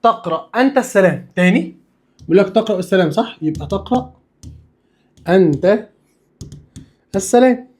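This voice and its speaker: A man's voice: sits high, expressive, a little fast, long pauses, darkish tone. A man with an Egyptian accent teaching a religious studies lesson, drilling students with repeated questions and answers and casual, playful asides. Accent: Egyptian Arabic.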